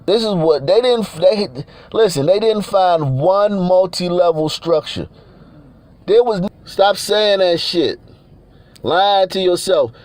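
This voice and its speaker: A man's voice: high voice, slow pace, darkish tone. A man from Nigeria in a heated, profane rant, blunt and repeating himself as he gets worked up. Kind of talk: heated ranting monologue.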